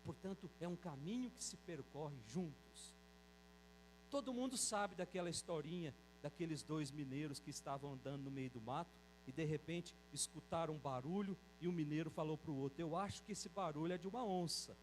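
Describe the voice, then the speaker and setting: A Brazilian priest giving a Sunday homily, reading scripture slowly and telling a folksy joke along the way. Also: male voice, fairly high pitch, a little mellow, slight background noise, poor audio. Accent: Brazilian Portuguese. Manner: slows down to read scripture aloud, tells folksy jokes.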